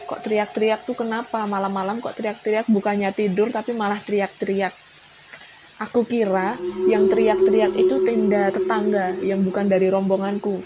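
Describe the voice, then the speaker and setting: A young Indonesian woman telling a personal horror story in a casual, chatty way, often restarting and repeating words. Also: medium pitch. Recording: dull lo-fi sound with music behind.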